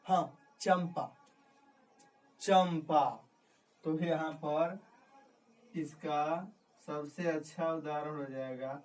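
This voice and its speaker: Slow-talking male teacher, distant mic. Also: a little high, level tone, a little mellow. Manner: repetitive, asks questions and answers them himself. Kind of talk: classroom grammar lesson. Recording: distant mic with faint background noise.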